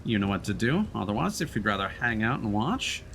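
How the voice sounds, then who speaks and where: Playing a game on stream, this friendly man chats casually with his viewers, calling out people in chat by name. His voice is fairly low-pitched and sing-song with vocal fry, and he speaks fairly quickly. Background noise is audible.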